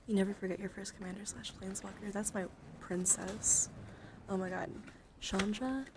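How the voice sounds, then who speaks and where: A woman hosts a live card-collection stream in ASMR style, soft-spoken and often slipping into whispers, with a mid-range voice, fairly even intonation, and a normal pace. It's a casual show-and-tell with her chat, and the recording has clear background noise and handling sounds.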